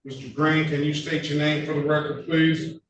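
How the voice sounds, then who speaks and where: A man presiding as a judge over court proceedings, brisk and procedural with chatty asides, heard in a courtroom recording. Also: a little high, flat delivery. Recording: echoey courtroom, distant mic, faint noise.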